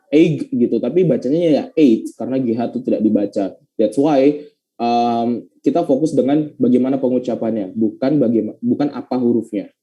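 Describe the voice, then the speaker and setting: A young man teaching English pronunciation in an online class, patiently repeating example phrases slowly and dropping English phrases into his explanations. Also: medium pitch, mellow, poor audio.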